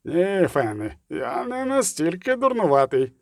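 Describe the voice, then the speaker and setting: A man's voice: high voice, very animated, a little slow, creaky, dry recording, studio quality, heavily acted. A man doing a sneering, greedy old lawyer. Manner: sneering, sarcastic. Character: scheming crippled male lawyer, sardonic and greedy.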